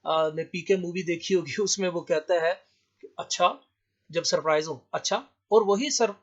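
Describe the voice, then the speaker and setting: High-voiced man teaching an English lesson. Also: fairly even intonation. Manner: explains slowly, reads English lines aloud then translates. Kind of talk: lecture with translation. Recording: dull lo-fi sound.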